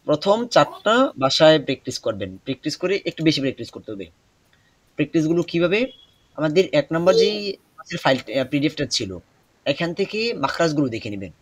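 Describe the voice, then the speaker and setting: A young man teaching an online Quran recitation class, patient and repetitive, often pausing with hesitations. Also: on the high side, very animated. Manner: patient, repeats instructions, many hesitations.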